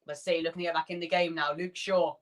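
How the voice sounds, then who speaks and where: A man hosting a fan watchalong, calling the match player by player in quick bursts and chatting with his viewers between the action. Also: on the high side, level tone, a bit bright. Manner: rapid player-by-player calls, chatty asides to viewers. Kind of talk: live play-by-play fan commentary.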